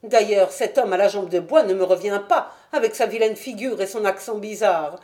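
A woman's voice: mid-range voice, normal speed, natural voice. A woman voicing a stout, talkative boatman's wife in a French audiobook. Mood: chatty. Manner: loud, fussing and talkative. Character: shrill stout working-class boatman's wife.

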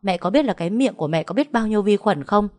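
A woman's voice: lowish voice, animated, brisk, close to an everyday voice. A woman voicing a spoiled, scornful rich young wife who scolds shrilly. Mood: furious.

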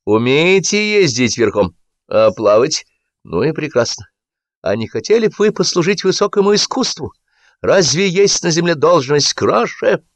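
A man voicing a pompous, bossy film director who declaims slowly and shouts orders, raised high above his own voice. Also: big pitch swings, no room sound. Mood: grand. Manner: theatrical, bossy, drawn-out declaiming.

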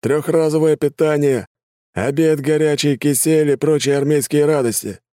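A man playing a loud gruff military commissioner. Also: a little high, fairly even intonation, moderate pace, no echo, studio quality, pitched above the performer's own voice, lightly acted. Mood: commanding. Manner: barking orders, shouting roll call. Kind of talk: audiobook narration with voices.

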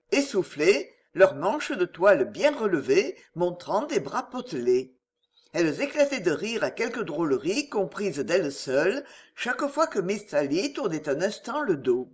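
A reader narrating a classic novel chapter in a measured, expressive way. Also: medium pitch, slightly rough. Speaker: audiobook reader.

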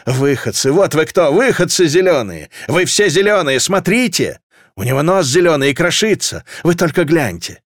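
A man's voice: fairly high pitch, sing-song, moderate pace, a bit bright, no room sound, studio quality, voice pushed up. A man voicing a raving madman in a crushed crowd, shrieking and laughing hysterically.

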